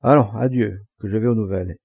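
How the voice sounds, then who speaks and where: A man reading the part of a gruff, loyal old countryman who talks in a rambling, folksy way. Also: on the low side, brisk, no room sound. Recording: dull lo-fi dry recording.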